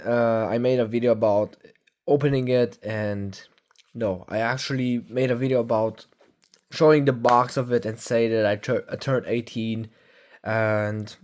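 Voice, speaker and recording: Young male vlogger, late teens, mid-pitched voice, halting and rambling delivery full of fillers. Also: darkish tone. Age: young adult. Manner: rambling, halting, many fillers and self-corrections. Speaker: tech vlogger. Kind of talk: casual phone review. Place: at home.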